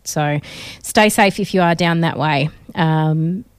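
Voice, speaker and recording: An Australian woman in her thirties hosts a film show from a radio studio, talking casually with lots of fillers into a studio mic. Her voice is low-pitched, slow, clear and resonant, though slightly crackly. The recording has studio quality with no room sound.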